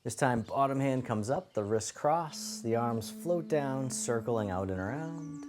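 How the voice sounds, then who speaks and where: A man teaching tai chi, cueing each movement step by step in a gentle, encouraging, unhurried way. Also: medium pitch. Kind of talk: guided movement lesson, calm step-by-step cueing. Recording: music playing behind the voice. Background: music.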